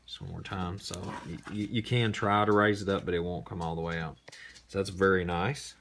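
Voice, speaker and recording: A man hosting a casual unboxing, talking in a relaxed, rambling way with many fillers, recorded indoors on a camera mic. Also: low voice, fairly quick, slight background noise. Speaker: host. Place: indoor room.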